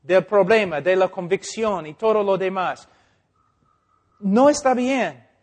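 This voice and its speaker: A man's voice: high-pitched, slow. A male preacher. He is an English speaker, so his phrasing halts and corrects itself. He often checks that his listeners understand. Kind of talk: informal teaching sermon.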